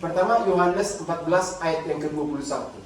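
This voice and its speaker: A man's voice: fairly high pitch, brisk. A man with an Indonesian accent preaching a sermon as pastor, joking and acting out little dialogues. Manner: humorous, acts out little dialogues. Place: church hall. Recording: very echoey church hall, distant mic.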